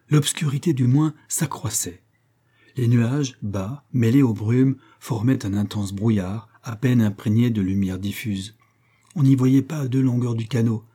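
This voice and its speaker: A man narrates an adventure audiobook in a measured, dramatic style. His voice is dark and mellow, with a husky grain, at an ordinary pitch. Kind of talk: scripted narration.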